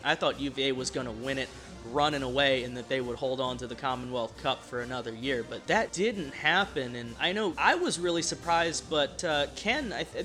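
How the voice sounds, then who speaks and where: A man's voice: medium pitch, bright, forceful tone. A man from Virginia hosting a casual sports talk show with teasing, emphatic delivery. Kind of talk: casual sports banter and opinion.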